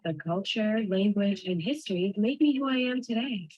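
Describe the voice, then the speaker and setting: Woman, translation voice-over for a signer; breathy mid voice, steady and earnest, dull video sound. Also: mid-range voice, normal speed. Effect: spoken translation voice-over for a signing person. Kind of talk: voice-over interpreting a first-person account.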